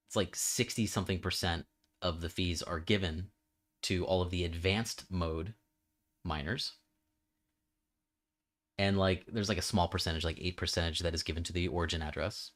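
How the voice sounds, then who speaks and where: A man with a very deep voice talks softly and unhurriedly, almost soothing. He explains as a host in loose, casual chat, circling back and restarting his sentences as he goes. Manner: soft, drawling, with many fillers and restarts.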